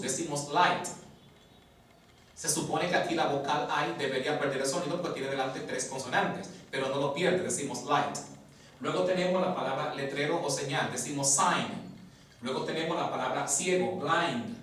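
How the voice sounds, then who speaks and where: Echoey male teacher slowly explaining pronunciation. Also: on the high side. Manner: repeats key words slowly and deliberately, with rhetorical questions. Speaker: English phonology teacher. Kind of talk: explanatory lesson. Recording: echoey room, mic far off, faint hiss.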